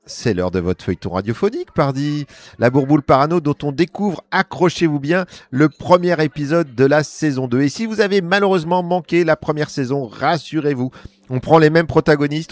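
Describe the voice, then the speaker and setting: A man hosting a radio show, presenting in a chatty, playful way. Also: a little high.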